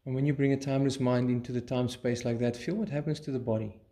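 Speaking at a medium pitch, a man conducts a guided meditation in a soothing, calm manner. He paces himself carefully, pausing between short phrases.

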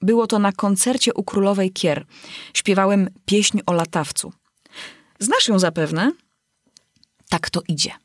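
A woman's voice: medium pitch, measured pace, long pauses, no room sound, clean studio sound, close to an everyday voice. Woman doing a rambling whimsical hatter. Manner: rambling, sing-song.

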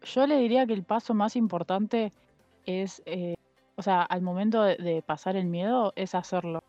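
A young woman co-hosts a casual podcast, her medium-pitched, mellow voice moving at a normal pace with no echo. She hesitates a lot, using fillers and restarting sentences, and the recording sounds dull and muffled with faint music behind.

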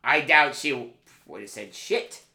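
Excitable man hosting, roomy sound. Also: mid-range voice, measured pace. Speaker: podcast host. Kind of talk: improvised comedy chat.

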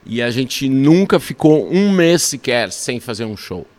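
A man, a musician guest telling road stories in a relaxed, laughing way. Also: medium pitch, measured pace. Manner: relaxed storytelling, laughs often, frequent "né?". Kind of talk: casual interview chat.

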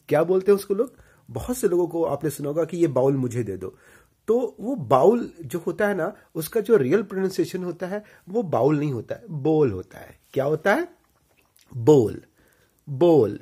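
A man's voice: fairly high pitch, darkish tone, husky. A man teaching pronunciation, saying each word and then asking the listener to repeat it back. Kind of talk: spoken lesson.

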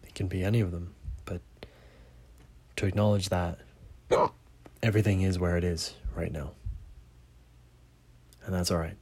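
Deep, husky man with the hiccups. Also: fairly even intonation. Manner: slow, halting, gentle, with many pauses and restarts. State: has the hiccups. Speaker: podcast host. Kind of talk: reflective solo podcast monologue. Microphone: podcast mic.

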